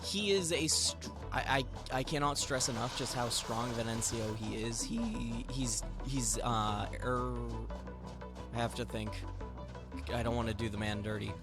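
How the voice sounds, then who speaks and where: A man's voice: mid-range voice, moderate pace. Guy hosting a chill gaming podcast, tells stories and does the voices, music going behind him. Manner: animated storyteller, acts out quotes. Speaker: podcast host. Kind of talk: casual chat, storytelling.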